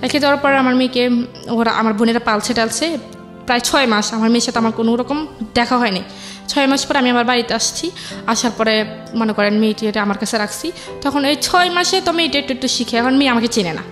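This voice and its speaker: Her voice high and her accent Bangladeshi, a young woman shares her life story in a conversational interview, talking fast and informally. Dialect forms, repetition, and quotes from her relatives fill her speech, while faint music plays underneath.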